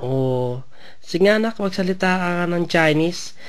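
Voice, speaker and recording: A man's voice: high-pitched, animated, unhurried, clear, resonant tone. Affectionate, playful father chatting at bedtime. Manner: affectionate, playful baby-directed talk. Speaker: father talking with his young child. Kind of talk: casual bedtime chat.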